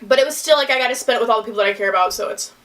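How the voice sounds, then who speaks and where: A woman vlogger talks to camera in a fairly high voice. She rambles and grumbles mildly, and fills her pauses with "like". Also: sharp tone. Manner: rambling, mildly complaining, "like" fillers. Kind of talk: casual vlog talk to camera.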